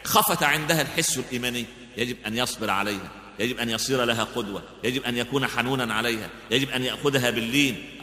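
Fast, bright male preacher in echoing hall. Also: mid-range voice. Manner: lively storyteller with frequent fillers and restarts. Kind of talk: religious lesson with storytelling. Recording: echoey hall with long reverb.

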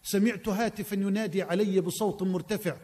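A preacher voicing a hushed old Egyptian father. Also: sits high, fairly even intonation, brisk, pitched below the performer's own voice, close to an everyday voice. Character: elderly devout Egyptian father, pleading. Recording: long hall reverb.

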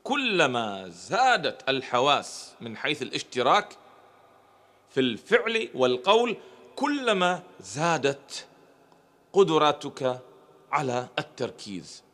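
A man's voice: mid-range voice, sing-song, a little slow, long pauses, a bit bright. A man giving a motivational lecture to an audience, addressing them directly and pushing key words upward for emphasis. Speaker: motivational speaker.

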